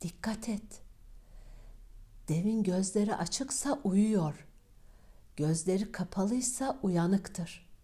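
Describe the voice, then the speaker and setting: A woman voicing three kind young maidens in a storybook tale, pleading and warning, raised a little above her usual low voice. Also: expressive, slow pace, pauses often, mellow. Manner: pleading, then urgently warning.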